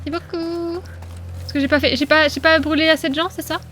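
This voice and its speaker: A woman's voice: high voice, level tone, fast, fairly bright tone, faint music behind. A woman streaming a video game, chatting casually and playfully with her viewers and laughing often. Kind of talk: casual live gameplay commentary.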